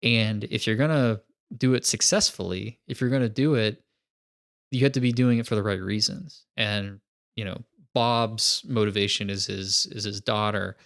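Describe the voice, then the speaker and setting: A man's voice: fairly low pitch, normal speed, gravelly, fairly bright tone. A man co-hosting a podcast, talking through a film in a thoughtful, hedging way. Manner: thoughtful, hedging, builds arguments. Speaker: podcast co-host. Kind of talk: casual film discussion.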